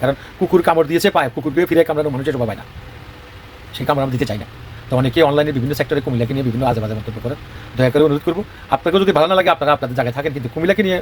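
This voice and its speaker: A man's voice: fairly high pitch, a little mellow, a little hiss or hum. A man from Bangladesh with a Comilla Bengali accent, speaking in an impassioned monologue, rhetorical and combative, asking questions and answering them himself. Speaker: regional advocate.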